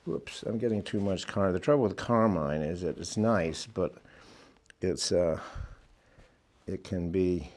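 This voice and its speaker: A man giving a relaxed watercolour painting demonstration, thinking aloud as he works. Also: sits low, a little slow, long pauses. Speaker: watercolour instructor.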